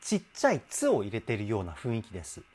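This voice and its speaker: A man's voice: fairly low pitch, huge pitch swings. A man working as a vocal coach, giving casual commentary on a song and explaining singing technique with enthusiastic admiration. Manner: speaks with soft drawn-out "uun" sounds while listening.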